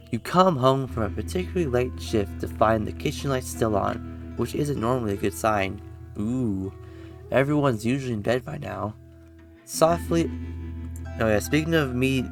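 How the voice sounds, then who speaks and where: A man's voice: medium pitch, creaky. A young man playing a story game, reading its text aloud and breaking off into rambling, self-correcting commentary. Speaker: game streamer.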